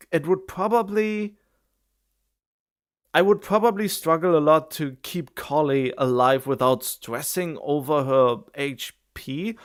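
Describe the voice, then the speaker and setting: A man with a fairly high voice livestreams a video game, chatting casually and musing aloud in a rambling way while frequently correcting himself.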